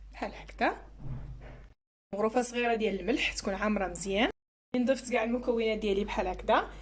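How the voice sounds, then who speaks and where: Brisk, chatty Moroccan woman cooking. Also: on the high side, slight background noise. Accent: Moroccan Arabic. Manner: chatty, explains each step while working. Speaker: cooking channel host. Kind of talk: cooking tutorial voice-over.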